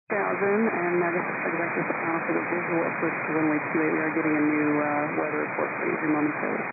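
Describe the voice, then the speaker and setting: A woman's voice: low voice, flat delivery, fast talker, vocal fry, phone-quality sound. A woman working as an air traffic controller, giving composed, courteous procedural instructions over the radio.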